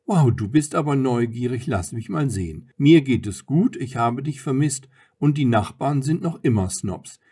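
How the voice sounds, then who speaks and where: A man voicing a playful, teasing young wife in an audiobook, speaking in a quick-witted, mocking way. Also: mid-range voice, lively intonation, dark tone, lightly acted.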